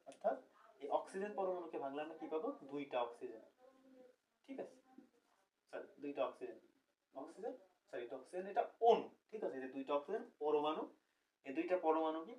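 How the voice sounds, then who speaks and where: A man's voice: a little high, a little mellow, far from the mic, rough recording. A young man teaching a recorded chemistry lecture, explaining step by step and asking the class questions, correcting himself as he goes.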